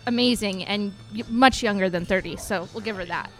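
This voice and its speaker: A woman's voice: mid-range voice, brisk, soft background music, poor audio. A woman chatting casually and upbeat, asking questions and laughing along. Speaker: interviewer. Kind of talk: casual chat.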